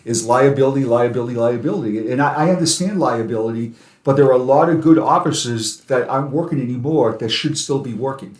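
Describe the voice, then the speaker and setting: A man's voice: mid-range voice, quick pace, reverberant. A man with a Boston accent speaking as a guest in a casual interview, emphatic and often repeating words for stress. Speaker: guest speaker on officer suicide.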